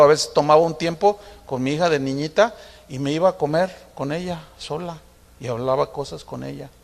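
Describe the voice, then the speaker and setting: Middle-aged man, pastor, chatty sermon with acted-out family anecdotes, fairly high voice, long hall reverb. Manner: conversational storytelling, acting out family dialogue with humor.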